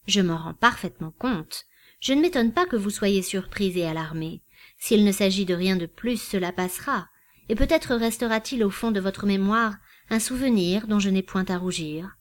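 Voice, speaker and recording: A woman reading a composed, formal gentleman. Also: mid-range voice, close to an everyday voice. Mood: earnest, polite. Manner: measured, formal, gently insistent. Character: composed, courteous, quietly proud gentleman. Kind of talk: audiobook reading.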